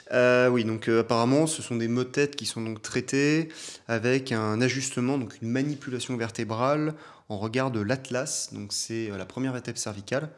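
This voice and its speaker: A young adult man, a chiropractor, giving casual reaction commentary on a video, chatty and hesitant with fillers. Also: mid-range voice.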